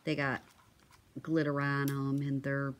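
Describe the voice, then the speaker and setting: A crafting vlogger shows off her supplies in a chatty, gushing vlog, stumbling through many ums and restarts. Her voice is extremely low and monotone, the pace slow, with slight noise in the background.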